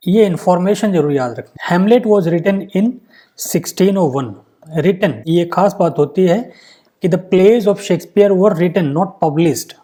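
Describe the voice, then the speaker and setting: A man's voice: on the high side, dark tone. A man teaching English literature for exam prep, explaining step by step and mixing Hindi and English.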